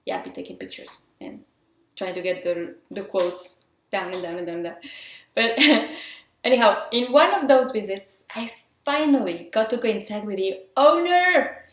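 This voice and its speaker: In a sing-song, slightly bright voice of medium pitch at normal speed, a woman from Mexico gives casual filmmaking advice as an independent filmmaker. She sounds earnest, chatty, and enthusiastic, with a Mexican accent showing some French influence, and the room echoes noticeably.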